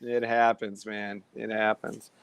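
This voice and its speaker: A man hosting a casual faith discussion, talking in a halting way with many restarts. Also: fairly low pitch, flat delivery, vocal fry, smooth, no room sound. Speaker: host. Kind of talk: casual discussion on a live stream.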